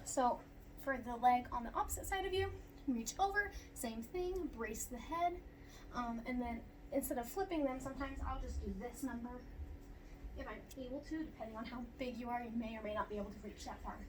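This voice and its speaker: A woman's voice: a little high, brisk, noisy background. A young woman at home explaining how to trim a large dog's nails, chatty and out of breath, with many ums. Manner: chatty, lots of ums, talks to her dogs. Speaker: dog groomer demonstrating nail care. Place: at home with dogs.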